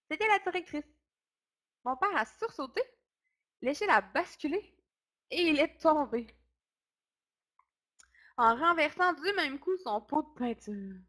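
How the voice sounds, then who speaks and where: A woman storyteller reads a children's story aloud, narrating in the first person. Her reading stays expressive, and her voice sits on the higher side.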